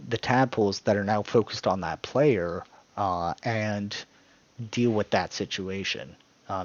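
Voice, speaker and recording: A man's voice: on the low side, muffled recording. A man giving a casual, rambling tutorial on game tactics, often restarting his sentences. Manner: rambling, self-correcting, breaks into laughter at his own jokes. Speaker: gaming guide creator.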